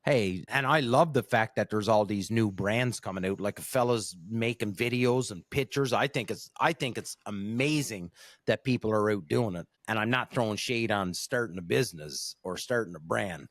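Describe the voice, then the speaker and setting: Middle-aged man, Canadian accent, lowish voice, dry close sound, blunt and sweary, casual podcast host. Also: moderate pace, no echo. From Newfoundland, Canada. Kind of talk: casual chat.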